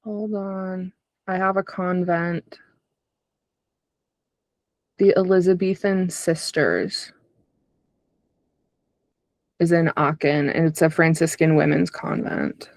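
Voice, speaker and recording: A woman in a casual research chat, enthusiastically chiming in with quick reactions. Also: on the low side, a little mellow, no room sound. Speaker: research partner.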